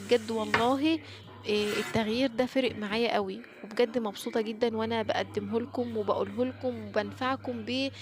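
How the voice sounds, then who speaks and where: Fast-talking Egyptian woman vlogger. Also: fairly high pitch. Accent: Egyptian Arabic. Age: middle-aged. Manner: warm, encouraging, addresses viewers directly. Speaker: home vlogger. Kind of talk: chatty home routine voice-over.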